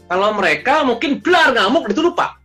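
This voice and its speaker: A man who coaches emotional intelligence, explaining in an animated, conversational way and mixing English phrases into his speech. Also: very high-pitched, brisk, soft background music. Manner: lively storyteller, mixes English phrases into speech.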